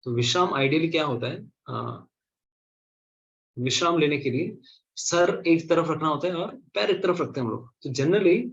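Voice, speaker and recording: A man giving an animated storytelling lecture at a scripture class, asking and answering his own questions. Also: fairly high pitch. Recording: slightly dull lo-fi recording.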